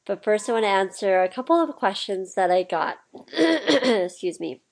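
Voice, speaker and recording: A woman mentor speaking casually to her group. She is getting over a cold and sounds scratchy, clearing her throat now and then. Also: medium pitch, animated, moderate pace. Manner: chatty, practical, with fillers and throat clearing. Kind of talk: recorded mentorship session.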